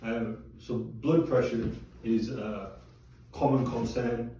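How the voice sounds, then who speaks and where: A man's voice: mid-range voice, fairly even intonation, takes it slowly, dark tone, slight background noise. A man talking casually in a candid video diary, swearing now and then as he chats. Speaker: vlogger. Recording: very echoey room, distant mic.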